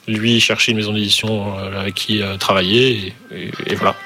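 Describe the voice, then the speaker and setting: A man's voice: fairly low pitch, little pitch movement, a little fast, pushed and bright, slight background noise. A man who runs a publishing house and bookshop, answering interview questions with many hesitations. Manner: hesitant, many fillers and restarts.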